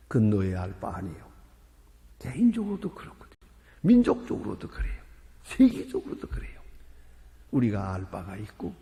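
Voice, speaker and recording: Older male preacher, gravelly and expressive, acts out dialogue and asks rhetorical questions, heard in a reverberant sanctuary. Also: mid-range voice. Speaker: pastor. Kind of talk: sermon.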